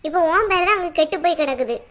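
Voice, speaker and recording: A woman's voice: very high voice, expressive, very fast, fairly bright tone. A woman voicing a stern older aunt who scolds her nephew bluntly in a family drama skit. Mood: scolding.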